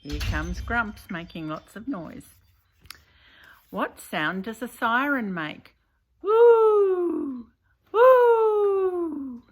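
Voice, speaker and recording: A woman's voice: mid-range voice, animated, slow pace, sharp tone, slightly rough. An older woman reading a picture book of sounds aloud to a grandchild, playfully imitating animals and noises.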